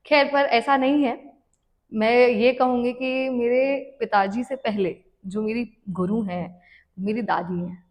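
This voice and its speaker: A young woman speaks as a podcast guest in a fairly high voice, slipping English words into her Hindi. She tells her story at an easy, reflective pace, like casual conversation. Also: fairly even intonation, slow. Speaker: podcast guest, devotional content creator. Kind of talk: casual interview chat.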